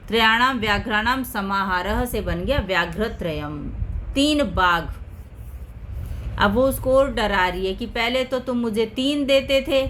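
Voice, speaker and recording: A woman's voice: fairly high pitch, a bit bright, a little hiss or hum. Woman teacher explaining word by word. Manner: explains word by word, repeats terms, asks and answers herself. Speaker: Sanskrit teacher. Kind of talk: classroom explanation of a text.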